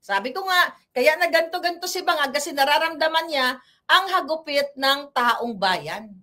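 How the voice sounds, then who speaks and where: A woman's voice: high voice, lively intonation, normal speed, pushed and bright. A woman from the Philippines doing casual political commentary, mocking and combative, talking straight to her viewers.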